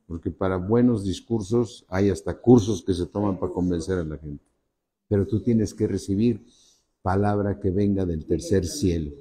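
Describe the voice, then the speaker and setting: A man preaching a sermon as pastor, emphatic and drawn out, rising to loud high peaks and dropping to soft low asides. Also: breathy edge.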